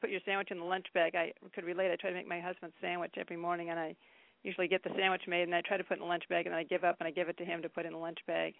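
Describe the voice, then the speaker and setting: A woman in her fifties calling in to a talk show, rambling with halting restarts. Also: lowish voice, flat delivery, gravelly, dry recording. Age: 50s. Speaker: caller. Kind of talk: casual phone chat. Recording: dry phone line.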